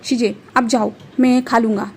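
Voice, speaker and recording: A woman's voice: fairly high pitch, fairly even intonation, normal speed, slightly rough. A woman reading the part of an affectionate young man in a fan story. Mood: gentle.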